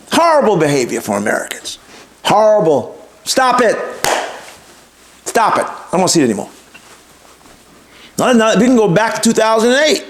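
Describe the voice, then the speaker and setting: A man hosting his show, giving an emphatic opinion monologue, repeating himself for stress and firing rhetorical questions at his listeners. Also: high-pitched. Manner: talks straight to the audience with rhetorical questions. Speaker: podcast host.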